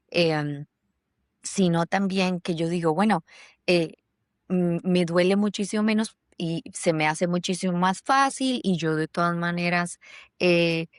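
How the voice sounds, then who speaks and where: A woman who lives in Germany hosts a conversational podcast, speaking reflectively with many fillers and restarts. Her voice is lowish, and the sound is clean studio quality with no echo.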